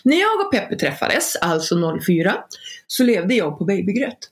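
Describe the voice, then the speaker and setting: Lively, laughing woman telling stories. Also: mid-range voice. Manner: animated storyteller, laughs often; acts out voices when telling stories. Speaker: podcast co-host. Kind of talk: casual chat.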